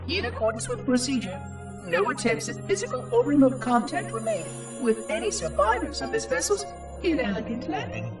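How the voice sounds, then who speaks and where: In a video game cutscene log narration, a man voices an ancient, fussy, curious robotic monitor with an extremely high, very animated, fairly quick voice, processed to sound synthetic. His delivery is precise, formal and theatrical, with a solemn, regretful mood. The sound is distant and echoing, with music underneath.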